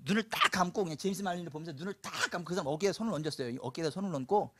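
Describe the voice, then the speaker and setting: Male pastor, storytelling sermon; high, ringing voice, dry close sound, animated. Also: racing, no room sound. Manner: animated, acts out quoted voices, laughs often. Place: church.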